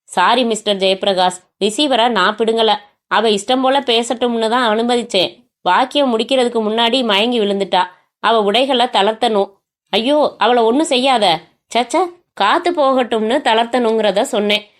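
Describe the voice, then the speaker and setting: A woman voicing a menacing male kidnapper who speaks in a cold, measured, taunting way on the phone. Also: on the high side, natural voice.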